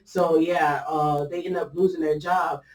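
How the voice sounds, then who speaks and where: A woman's voice: deep voice, steady tone, unhurried, distant mic. Chatty woman in an echoey room. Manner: chatty, loose, many fillers, breaks into laughter. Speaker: vlogger sharing a personal faith story. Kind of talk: casual personal storytelling. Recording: echoey room, voice set back from the mic.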